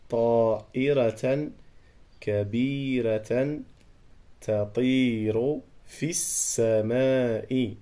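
A male reading teacher with a mid-pitched voice. He works through each word one syllable at a time at a very slow, patient pace. He repeats words and names the spelling rules in a quieter aside. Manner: sounds out words slowly, naming vowel lengthening and doubled letters in a lower aside.

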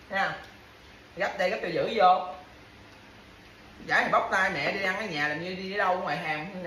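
Her voice is on the low side but bright, and her tone is forceful as she berates her partner at home. She keeps repeating the same complaints and empty threats in casual bickering, heard in an echoey room with faint background noise.

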